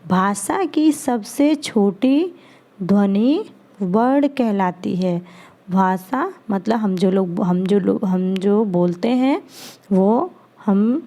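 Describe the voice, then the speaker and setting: Slow, patient woman teaching children. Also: medium pitch, lively intonation, mellow. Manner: slow, patient, drawn-out sounding of letters. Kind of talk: children's Hindi lesson. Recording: dull lo-fi recording.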